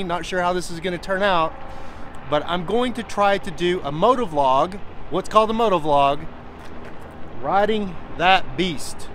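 A man in his forties chatting casually to viewers outdoors on a quiet road, filming himself with a handheld camera at arm's length. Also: high-pitched. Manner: relaxed and chatty, talking to viewers. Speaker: vlogger. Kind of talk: casual vlog. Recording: faint outdoor traffic noise.

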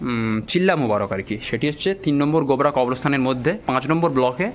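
Guy from wise, vlogging a walk around, keeping his voice low and soft, medium pitch, lots of noise around. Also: lively intonation. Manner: deliberately hushed, speaking softly in a cemetery. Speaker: vlog host and guide. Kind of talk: walking-tour vlog narration for viewers. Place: outdoors in a cemetery. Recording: clearly noisy on-location ambient sound.

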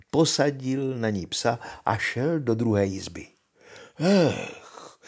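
Husky older man reading a fairy tale. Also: medium pitch. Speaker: grandfather reading to grandchildren.

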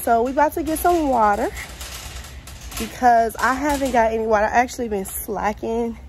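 Chatting directly and informally with her audience, a young American vlogger speaks at a moderate pace in a somewhat high voice. The setting is a large warehouse store, and a faint hum of store ambience comes through, as in a casual shopping vlog.

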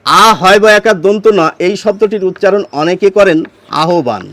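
A man with a high, steady, fairly bright voice teaches a pronunciation lesson in a dry recording, speaking fairly quickly. It's an explanatory grammar lesson in which he patiently poses questions and answers them himself.

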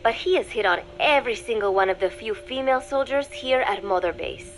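A woman voicing a reserved teenage girl recording an audio diary for a game, speaking in a measured, formal way that drops softly toward a whisper. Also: on the high side, faint music behind, close to an everyday voice, rough recording. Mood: reflective. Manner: measured, formal, quiet with soft whispered dips.

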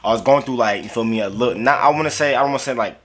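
Bright-voiced young man vlogging casually. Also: mid-range voice, racing. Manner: slangy, rambling, profane. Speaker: YouTube vlogger host. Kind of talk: casual mukbang chat. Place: fast-food restaurant.

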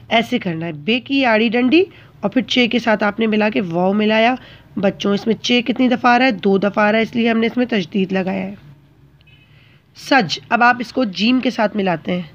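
A woman's voice: on the high side, highs cut off. A woman teacher giving a patient, step-by-step handwriting lesson to children, often checking that they follow.

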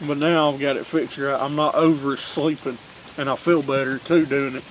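On a covered porch during a heavy downpour, a young man films himself with a phone camera on a kickstand, reviewing dip tobacco in a rambling, casual vlog. His medium-pitched voice barely moves in pitch, and he talks at a moderate pace, cursing often in a relaxed drawl. The audio is poor, with a bit of hiss or hum under the sound of the rain.

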